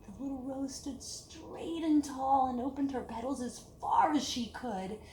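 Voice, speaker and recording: A woman with a high-pitched, slightly mellow voice reads a picture book aloud to children at a measured pace, expressive as she tells the story. The recording is echoey, with noticeable background hiss.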